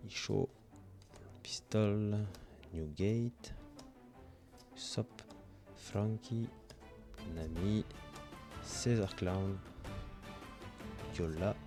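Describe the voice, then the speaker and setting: A man's voice: fairly low pitch, drawn-out words, long pauses, music in the background. A man hosting his own channel, opening trading card packs in casual commentary, reading off card names and gushing with delight over his pulls.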